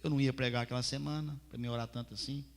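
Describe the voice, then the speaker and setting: A man preaching a sermon as pastor, telling his testimony with fervent storytelling that swings from soft to loud. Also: mid-range voice, fairly even intonation, rapid-fire. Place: church hall. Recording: reverberant church hall.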